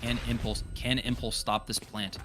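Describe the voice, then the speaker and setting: A male esports caster delivers live play-by-play in an excited commentary style. His calls are clipped and exclamatory, pitched in a middle male register, with clear background noise and clicking behind him. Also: moderate pace.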